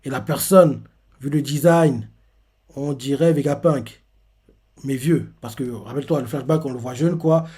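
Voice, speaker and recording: A man's voice: mid-range voice, measured pace, darkish tone, breathy edge. A man hosting a casual live manga reaction, rambling through the chapter with lots of fillers and restarts.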